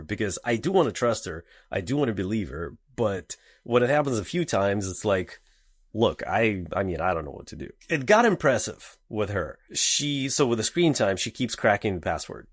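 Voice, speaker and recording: A man with a lowish voice talks casually as a podcast guest. He hesitates a lot and fills his pauses with many "uh"s and "um"s. The recording is dry and close. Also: dry recording. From Russia. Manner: hesitant, many fillers and restarts.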